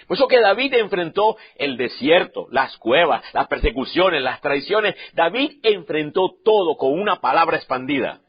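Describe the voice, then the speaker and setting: A man preaching a sermon with passion, swinging from quiet, low asides to loud, rising declarations. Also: big pitch swings, moderate pace, hardly any pauses, husky. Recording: dull lo-fi sound.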